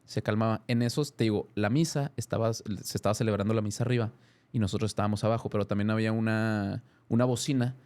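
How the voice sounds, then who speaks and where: Mexican man telling a story, mellow tone. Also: lowish voice, quick pace. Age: 30s. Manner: animated, many restarts and self-corrections. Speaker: guest. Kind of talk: casual interview storytelling.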